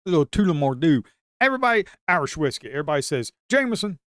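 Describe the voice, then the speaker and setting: A man's voice: a little high, big pitch swings, rapid-fire, a bit bright, no echo, clean studio sound. A middle-aged man from the Blue Ridge Mountains with an Appalachian Southern accent, chatting casually and crudely on a trading stream and telling rambling stories. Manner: rambling storyteller, folksy and crude, bursts into hollers. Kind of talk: casual live-stream chat.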